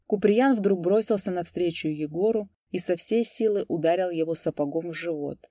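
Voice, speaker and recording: A woman narrating an audiobook story with measured, dramatic pacing. Her voice sits on the low side with a dark, mellow tone, recorded close and dry. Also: no room sound.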